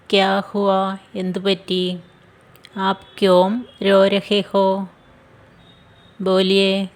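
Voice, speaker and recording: A woman teaching phrases in a scripted lesson, repeating each phrase slowly and carefully. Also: mid-range voice. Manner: slow, careful phrase-by-phrase drilling with repetition. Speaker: language teacher.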